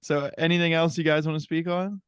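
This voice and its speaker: A man hosting a podcast interview, easygoing and chatty, nodding along with quick affirmations. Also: fairly high pitch, little pitch movement, a bit bright, clear, resonant tone, no room sound. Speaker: podcast host. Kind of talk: casual interview chat.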